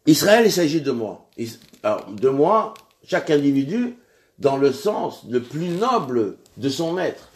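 A man teaching a religious lesson, speaking in a measured way with frequent restarts and pauses, lifting his voice on the key words and questions. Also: on the high side, big pitch swings.

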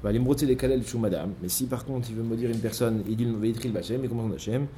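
A man leads a Torah study lesson, working through the text step by step and sprinkling his speech with Hebrew terms. His voice is mellow and relaxed, and a faint hum sits behind him. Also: mid-range voice, fast. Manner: explains step by step, mixing in many Hebrew terms. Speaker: religious study teacher.

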